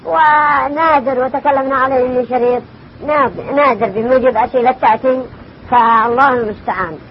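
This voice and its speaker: A man's voice: very high-pitched, fairly quick, dull audio, slight background noise. A religious scholar answering a question, repeating phrases as he lists examples, heard from an old worn cassette tape.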